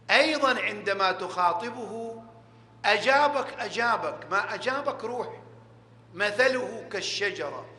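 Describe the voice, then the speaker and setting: A man preaching a colloquial Ramadan night sermon, asking rhetorical questions and swinging between loud and hushed delivery, in a large prayer hall. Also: high-pitched. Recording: echoey hall with long reverb.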